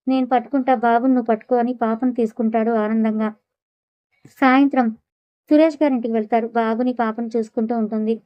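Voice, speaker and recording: A woman's voice: on the high side, no echo, dull audio. A woman narrating a serialized audio story, voicing the dialogue of all characters in her own voice.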